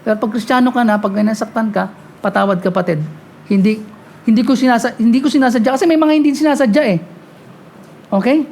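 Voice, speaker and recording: A woman preaching a sermon, talking quickly and often asking the congregation "Amen?". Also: fairly high pitch, a little mellow. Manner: mixes Tagalog and English, frequent call-and-response "Amen?"; talks fast at times.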